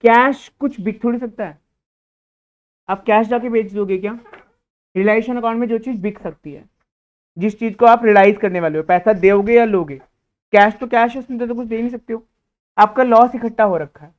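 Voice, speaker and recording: A man's voice: high-pitched, moderate pace, long pauses. A man teaching an accounting class, who poses questions and answers them himself. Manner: explains by asking and answering his own questions; scolds a student. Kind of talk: classroom lecture. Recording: tinny, phone-like lecture recording.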